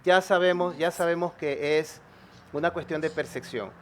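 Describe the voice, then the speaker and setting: A man's voice: fairly high pitch, moderate pace, a bit bright. A man hosting a live stream, talking persuasively and repeating phrases for emphasis.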